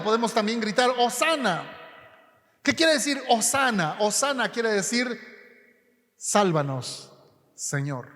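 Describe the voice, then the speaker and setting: A high-pitched male pastor gives a sermon, earnest and teaching, often restarting phrases and slowing down on key words. His voice rings with the long reverb of a church hall. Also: a bit bright.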